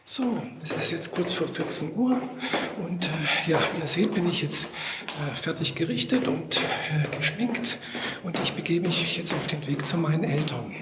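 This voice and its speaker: A man vlogging casually, halting as he thinks aloud. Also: fairly high pitch, animated. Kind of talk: casual vlog. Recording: echoey, noisy with clicks.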